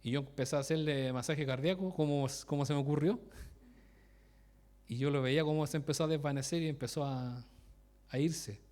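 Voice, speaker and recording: A man preaches in a relaxed, informal way, restarting phrases as he goes. His voice sits somewhat high for a man. He turns to his listeners with direct questions and chuckles at his own anecdotes. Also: fairly quick, pauses often. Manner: informal, self-interrupting, laughs at his own stories; asks the congregation direct questions. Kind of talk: conversational sermon with personal stories.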